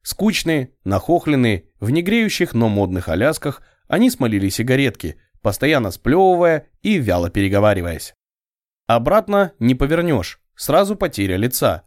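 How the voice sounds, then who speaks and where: A man reading a first-person story aloud as a scripted audiobook narration, with an expressive, ironic delivery. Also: mid-range voice, moderate pace, dry recording, studio quality.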